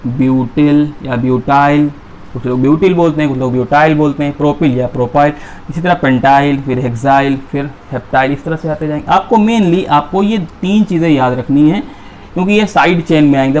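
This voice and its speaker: A man's voice: a little high, darkish tone, a little hiss or hum. A man teaching a chemistry class, who keeps asking his students questions and then answering them himself. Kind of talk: classroom lecture.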